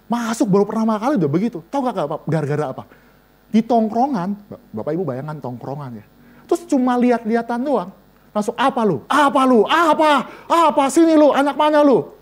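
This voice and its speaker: Lively, joking male preacher. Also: high-pitched. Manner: lively, joking, addresses listeners directly. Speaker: vicar preaching to a women's and seniors' Bible study. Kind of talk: sermon.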